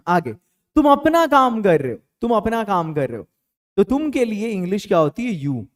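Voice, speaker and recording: Lively, high-pitched male English teacher. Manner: lively, repeats example sentences slowly; casual and playful teaching. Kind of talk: spoken English lesson in Hindi.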